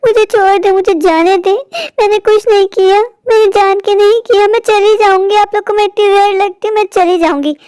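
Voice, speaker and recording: A woman's voice: very high voice, steady tone, fairly quick, a little mellow, no room sound. A woman voicing a meek, tearful young stepdaughter in a cartoon story, pleading and whimpering. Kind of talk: cartoon voice acting.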